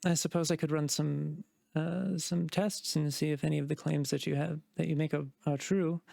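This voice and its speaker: A man voicing a sleepy, slender young male elf shopkeeper who talks in a halting, hesitant way. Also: a little high, level tone, creaky, a little mellow, no room sound. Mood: wary. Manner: hesitant and halting, full of ums.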